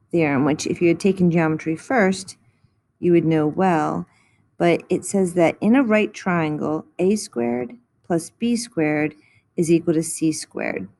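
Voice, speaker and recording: Woman, math teacher, lowish voice, patient, step-by-step explanations, close voice-over. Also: vocal fry, warm tone. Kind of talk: recorded math lesson.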